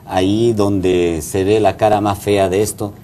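A middle-aged Peruvian man, a mayor appearing as a guest in a TV news studio, speaks earnestly with many hesitation fillers. His voice is fairly low, dark and flat, at a measured pace, with slight background noise.

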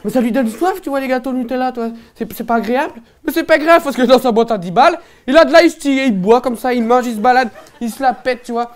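In an extremely high pitch and at speed, with hardly any pauses, a stand-up comedian performs a boorish young ch'ti character, a faint crowd audible behind him. The Northern French accent, slangy rambling and heavy fillers suit this brash, boastful, absurd loudmouth.

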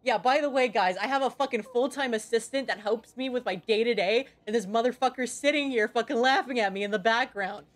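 A woman's voice: on the high side, brisk, hardly any pauses. A young woman streaming a game, swearing often and bantering in exasperation with her chat. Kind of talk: casual gameplay streaming.

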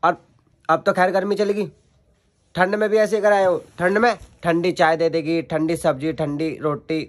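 A man's voice: sits high, flat delivery, moderate pace. A young man, chatting and teasing his family while filming a casual vlog at home on his phone. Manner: teasing, chatty, addresses viewers as guys. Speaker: vlogger.

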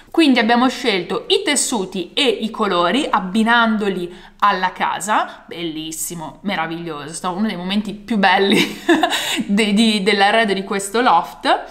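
A woman's voice: mid-range voice, normal speed, fairly bright tone. A woman of around thirty talking casually to camera in an emphatic, enthusiastic vlog style, drawing out words. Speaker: vlogger. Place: bright room at home.

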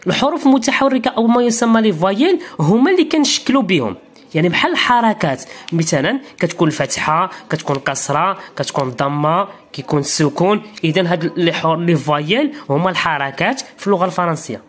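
A woman with a Moroccan Arabic accent teaches a beginner lesson in a slightly husky voice. Her pitch moves a lot as she explains, and she is patient and repetitive. She keeps checking that the learner is following. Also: expressive, fast.

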